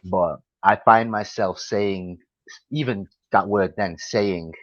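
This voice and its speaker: An English tutor from Manchester speaks with a Mancunian accent on a casual video call, his very low voice relaxed and unhurried. He explains things with lots of ums and restarts. The call audio sounds dull and dry.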